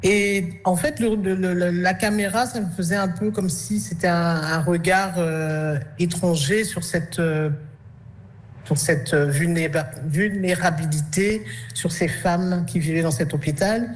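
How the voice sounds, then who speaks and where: A woman's voice: on the low side, steady tone, unhurried. Hesitant woman with frequent fillers. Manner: hesitant, many fillers and restarts; laughs softly between thoughts. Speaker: artist and actress, interview guest. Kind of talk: conversational interview answers.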